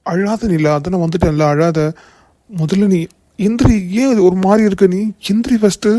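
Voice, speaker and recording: A performer voicing a protective young male hero in a cartoon, stern with enemies and gentle with the woman he protects. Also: medium pitch, normal speed, dry recording, natural voice. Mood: soothing. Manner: stern threatening, then gentle and soothing. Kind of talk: cartoon voice acting.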